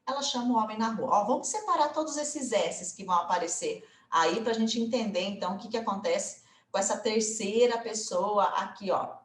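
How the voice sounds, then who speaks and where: A Brazilian woman teaching English grammar in a casual video lesson, chatty and full of little tag questions, slowing down to spell out example phrases. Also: mid-range voice, echoey room. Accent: Brazilian Portuguese.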